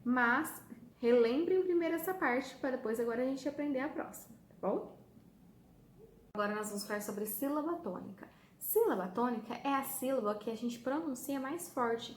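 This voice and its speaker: A woman teacher speaks patiently to children in a fairly high voice. She checks in constantly and leans hard on key words. The sound is roomy and echoey, with faint room noise. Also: moderate pace. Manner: patient, repeats "tá?" often, lively emphasis. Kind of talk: online lesson for children. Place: room with a whiteboard.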